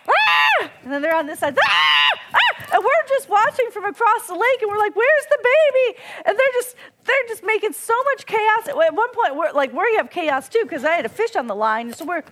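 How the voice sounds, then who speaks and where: Woman, high-pitched, earnest devotional speaker, animated storyteller. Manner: earnest, animated storytelling with imitated bird cries.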